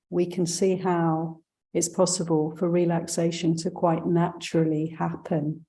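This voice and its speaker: Gentle, unhurried instructions with pauses come from a woman leading a guided meditation as a teacher. Her voice sits lowish.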